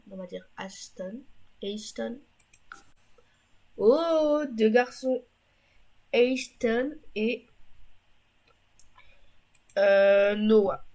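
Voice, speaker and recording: A woman chats her way through a life-sim game in loose, rambling let's-play commentary, tossing off wry asides as she goes. Her voice sits at a middling pitch, and soft game music plays underneath. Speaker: gaming YouTuber.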